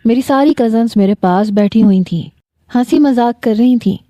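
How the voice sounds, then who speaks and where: A young adult woman narrates a first-person story with emotional, dramatic delivery. Her voice is warm and mellow. The recording is close and dry, with no room sound. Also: fairly high pitch, no room sound. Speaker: storyteller reading her own novels.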